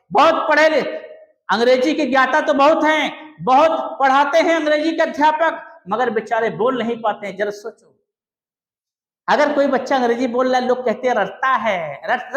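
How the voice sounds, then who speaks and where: A male English teacher fires questions at his class and pushes the answers back at them. He is loud and emphatic and often shouts, with a notably high-pitched voice. The sound rings around an echoey classroom. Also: normal speed. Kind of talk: classroom lesson with call-and-response drilling. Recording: echoey room.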